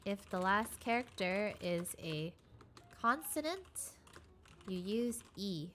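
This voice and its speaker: A woman's voice: mid-range voice, expressive, slow pace, fairly bright tone, a little hiss or hum. A woman giving a casual live-streamed beginner lesson, explaining with lots of fillers and restarts. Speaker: streamer teaching Korean.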